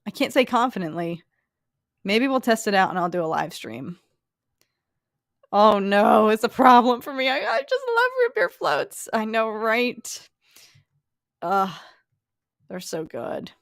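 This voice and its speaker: Reading live-stream comments aloud, this young Philadelphia woman chats and giggles in a light Philly accent, saying "like" a lot and restarting often. Her mid-range voice is sing-song, a little slow, creaky and a bit bright, with frequent pauses. The studio-quality audio has no echo.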